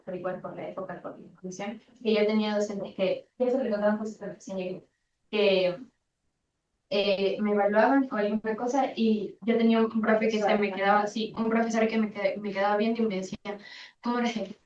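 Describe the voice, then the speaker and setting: A woman's voice: medium pitch, flat delivery, fairly quick, a little mellow. A young woman from Venezuela, a university student in a focus group, giving a thoughtful personal account and often searching for words. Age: young adult. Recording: distant, roomy, muffled recording with faint noise.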